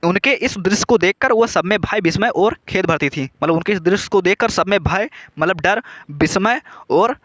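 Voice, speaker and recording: A man's voice: high-pitched, moderate pace, a bit bright, no room sound. A male teacher reads out verses of a Hindi poem and explains them line by line to students.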